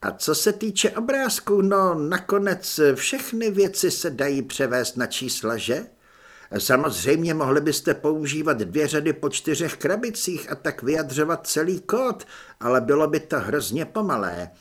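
An enthusiastic young soldier who gets carried away explaining clever ideas, as a male narrator voices him. He talks with eager energy and a lively, wide-ranging pitch. His voice has a slightly husky grain. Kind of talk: audiobook character voice.

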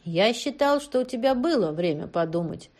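A rough, bullying male kidnapper snaps out threats in a storybook scene, as a woman reads him. He barks his orders and won't back down. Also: on the high side, animated, moderate pace, darkish tone, pitched above the performer's own voice. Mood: threatening. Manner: threatening, barking.

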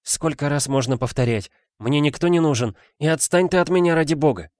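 A man's voice: fairly high pitch, brisk, darkish tone, no room sound, studio quality, voice pushed up, natural voice. A man voicing a curt, irritable young mother in an audiobook.

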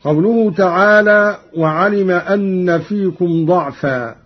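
A man explaining Quran reading variants, giving measured explanations broken by slow, drawn-out chanted recitation, heard on a dull old radio recording. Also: high voice.

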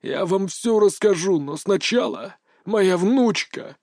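A man voicing a frightened old male smuggler, tearful and pleading, in a high strained voice. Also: expressive, takes it slowly, darkish tone, dry recording, studio quality, heavily acted. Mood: fierce whisper.

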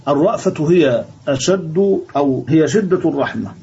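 A man teaching a grammar lesson online, explaining slowly and repeating his phrases as he reads through a text. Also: fairly high pitch, animated, dark tone, a little hiss or hum. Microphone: video call. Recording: dull lo-fi online call audio.

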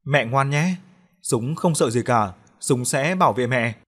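Little girl voice done by a guy, higher and softer, sweet and loving. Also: animated, a little slow, slightly rough. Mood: soothing. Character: small gentle little girl, loving daughter.

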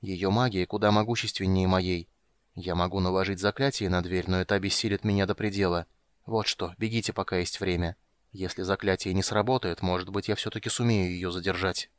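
A man reading the part of a frail young male mage who speaks in a hushed hiss. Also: deep voice, steady tone, fairly quick, clear, resonant tone, no room sound, natural voice. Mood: grim warning. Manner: hushed, hissing.

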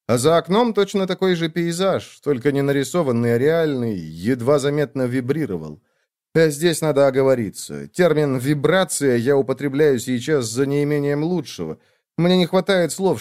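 A man reading a first-person audiobook narration in a measured, reflective way. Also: medium pitch, darkish tone. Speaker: audiobook reader.

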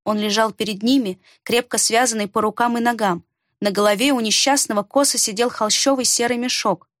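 A woman reads a fantasy story in steady, measured narration. Her voice sits a little high and sounds dry and close to the mic. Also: dry recording. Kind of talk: scripted audiobook narration.

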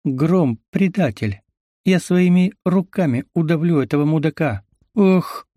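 A man's voice: on the high side, normal speed, dark tone, no room sound, lo-fi sound, voice pushed up, close to an everyday voice. Man putting on a fierce, wry young woman fighter. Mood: furious. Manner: ironic and fierce.

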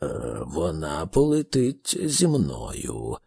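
A man voicing a huge, menacing male thunder god who speaks slowly and bellows in a low voice. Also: huge pitch swings, creaky, dark tone, slightly rough, exaggerated voice. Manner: slow, deep, bellowing.

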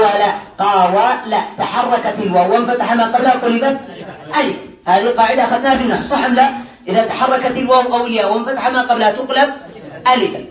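A man who teaches Islamic studies drills his class on Arabic morphology, repeating patterns, asking quick questions and answering them himself, and joking lightly. His voice is very high and the sound is roomy.

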